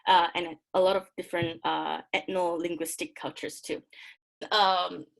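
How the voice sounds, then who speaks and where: A woman's voice: lowish voice, little pitch movement, a little slow, vocal fry. A young woman from Malaysia with a Malaysian English accent, giving an academic presentation in a chatty way with many fillers and restarts. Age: young adult. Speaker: graduate student presenter.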